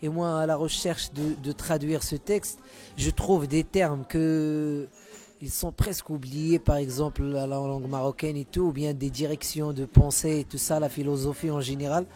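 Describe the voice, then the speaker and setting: A man's voice: on the high side, fairly even intonation, normal speed, mellow, soft background music. A Moroccan musician, a man whose first language is Moroccan Arabic, talking casually in an interview and often repeating words while he searches for terms. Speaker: musician guest.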